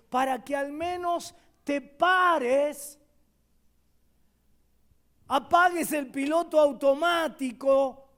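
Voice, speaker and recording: Preaching as a visiting pastor at a church service, a man with an Argentine accent speaks in an extremely high voice. His sermon swings from forceful, booming statements to soft asides.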